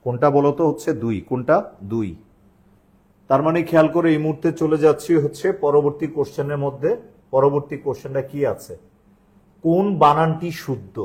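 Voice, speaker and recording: A man's voice: fairly high pitch, fairly quick, darkish tone. A young man with a Bangladeshi Bengali accent teaching an online grammar lesson for admission coaching, asking his students questions and answering them himself.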